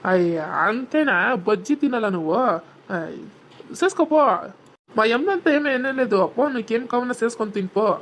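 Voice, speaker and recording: A woman's voice: on the high side, animated, moderate pace. A woman voicing an easygoing young husband and son in a cartoon, coaxing. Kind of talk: cartoon voice acting.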